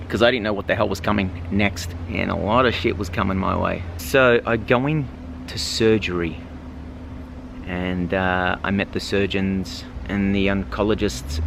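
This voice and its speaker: A man's voice: on the low side, creaky. A man with an Australian accent, casually and frankly telling his own story as a vlogger, swearing freely. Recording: noisy with vehicle hum behind.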